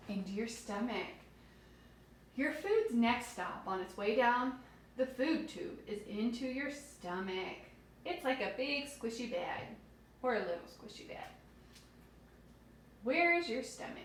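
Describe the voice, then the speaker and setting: In a heavily echoing room with slight background noise, a woman with a fairly high, bright voice gives young children a read-aloud lesson. Acting as their teacher, she explains things in simple, expressive terms and poses questions along the way.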